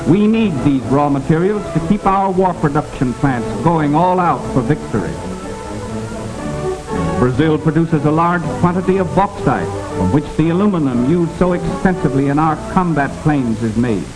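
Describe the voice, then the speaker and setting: A man's voice: fairly high pitch, lively intonation, moderate pace, low-quality recording. A man narrating a 1940s wartime newsreel in a formal, declamatory, rousing manner. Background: loud orchestral music.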